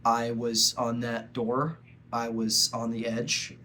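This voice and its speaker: Congested from a cold, the young vlogger reflects on personal matters in a halting, earnest way, with frequent pauses as he searches for words. His voice holds a flat, even pitch, and a faint hiss runs underneath.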